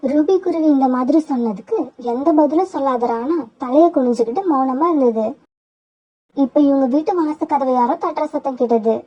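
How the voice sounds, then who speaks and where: A woman tells a children's cartoon story in a steady, even way. Her voice sits high and the sound is dull and lo-fi. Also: moderate pace. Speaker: narrator. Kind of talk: storybook narration.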